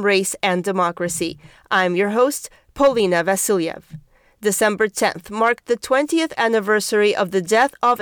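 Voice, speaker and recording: A woman hosting a radio news program, reading scripted narration in a measured, formal way. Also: medium pitch, clear, resonant tone, dry recording, clean studio sound. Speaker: radio host.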